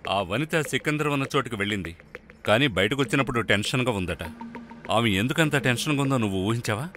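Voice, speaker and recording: An actor playing a calm male senior investigator asking questions. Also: medium pitch, fast talker, soft background music, natural voice. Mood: questioning.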